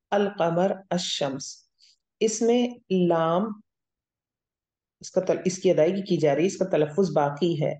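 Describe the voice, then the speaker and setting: A woman's voice: fairly low pitch, warm tone. A woman teaching Arabic grammar in a recorded lecture, explaining step by step and often checking that students follow. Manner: explains step by step, checks understanding with "theek hai?". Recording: dull lo-fi audio.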